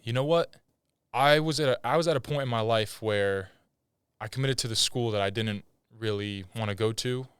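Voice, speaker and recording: A man's voice: medium pitch, moderate pace, fairly bright tone, clean tone, no room sound. A young man hosting a casual podcast interview, laid-back and slangy, saying "bro" and "like.". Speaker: podcast host.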